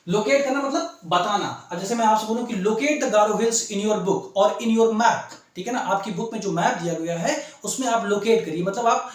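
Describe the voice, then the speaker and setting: A man teaching English in an animated bilingual lesson, reading English lines slowly and repeating himself with frequent checks that the class is following. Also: high-pitched, heavy reverb. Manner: frequent tag "ठीक है ना".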